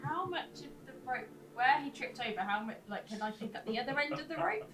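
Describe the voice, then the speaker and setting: A woman's voice: high voice, expressive, brisk, over loud music. A woman as a player in a tabletop game, thinking aloud hesitantly. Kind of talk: casual tabletop game chat.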